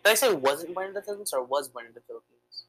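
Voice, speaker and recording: A woman's voice: deep voice, lively intonation, rapid-fire, husky, low-quality recording. A young woman co-hosting a casual podcast, chatty and hesitant, with lots of fillers. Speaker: podcast co-host. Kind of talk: casual chat game with a friend.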